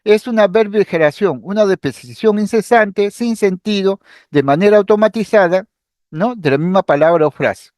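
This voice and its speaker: A man giving a psychiatry lecture, explaining patiently, with lively intonation and an occasional filler or restart. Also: high-pitched, normal speed, no room sound, studio quality. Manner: explanatory, acts out patient speech examples. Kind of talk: recorded medical lecture.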